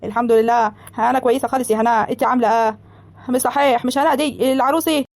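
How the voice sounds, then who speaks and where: A woman playing a sharp, meddling village mother. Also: on the high side, fairly even intonation, no room sound, natural voice. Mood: brisk. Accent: Egyptian. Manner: brisk, reproachful, quick retorts. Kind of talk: animated comedy voice acting.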